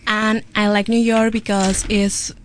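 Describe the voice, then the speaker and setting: A woman's voice: medium pitch, level tone, measured pace, slight background noise. A young woman from Mexico City, visiting the studio and giving short, simple statements. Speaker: visitor guest. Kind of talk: casual chat.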